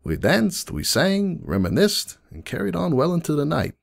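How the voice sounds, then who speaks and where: In a dramatic fan fiction reading, this man gives a heavily acted performance with a fairly high, gravelly voice, huge pitch swings and a moderate pace. Sounding proud and nostalgic, he plays a warm unicorn donut shop owner who reminisces in a folksy, talkative manner.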